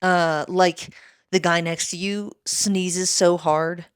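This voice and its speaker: A woman's voice: on the low side, steady tone, slow pace, smooth, dry recording, studio quality. Breathless, profane woman ranting. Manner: rambling, profane, ranting with laughs. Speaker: podcast co-host. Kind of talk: casual comedic chat. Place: casino hotel room, makeshift studio. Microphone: handheld mic.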